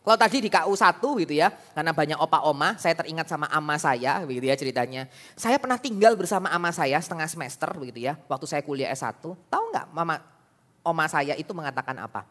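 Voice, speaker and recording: A man preaching a conversational sermon at a church service, lively, with sharp rises for emphasis and frequent rhetorical questions to the congregation. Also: a little high, fast talker. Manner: keeps asking the congregation "right or not?". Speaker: evangelist preacher.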